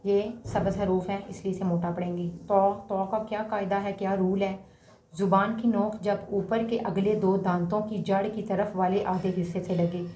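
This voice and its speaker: A woman teaching a reading lesson, sounding each letter several times with pauses between. Her voice is soft and mellow. The room is echoey, with a faint hum behind her. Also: medium pitch, little pitch movement. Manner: drawn-out sounding of letters, louder on the examples. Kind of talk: slow spoken lesson for children.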